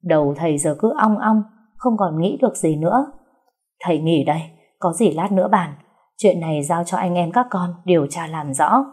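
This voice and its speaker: A woman's voice: on the low side, normal speed, a little mellow, husky. A woman reading as a weary old household master. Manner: weary, fed-up.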